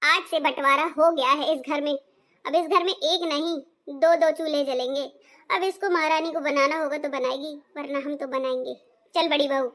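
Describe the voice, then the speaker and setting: A woman's voice: high-pitched, steady tone, normal speed, fairly bright tone. Woman doing a fussy mother-in-law. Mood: decisive.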